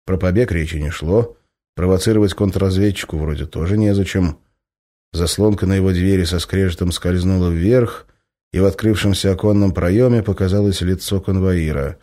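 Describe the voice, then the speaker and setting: A man reading an audiobook in steady scripted narration. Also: deep voice, normal speed.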